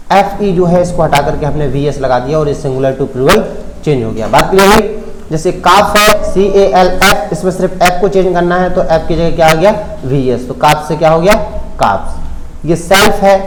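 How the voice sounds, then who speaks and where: A man teaching an English grammar lesson, spelling words out letter by letter and often checking whether the point is clear. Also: a little high, echoey room, slight background noise, rough recording.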